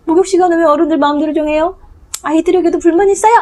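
A woman's voice: very high voice, steady tone, rapid-fire, warm tone, voice pushed up. A woman voicing an indignant little child who keeps protesting with whiny questions. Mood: complaining.

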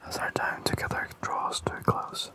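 An ASMR host rambling calmly in a fully unvoiced, slow and soothing whisper.

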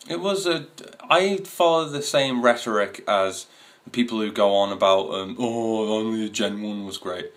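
Casting: twenties male vlogger, low voice, loose, meandering chat to camera. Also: a bit bright. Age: 20s. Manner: rambling, many fillers and restarts. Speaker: video host. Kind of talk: casual to-camera talk. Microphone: camera mic.

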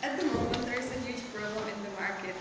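Confident young woman doing a startup pitch, really echoey room, mic far off. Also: fast talker, very noisy. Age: young adult. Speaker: startup co-founder presenter. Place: small meeting room, standing by projector screen. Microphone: far camera.

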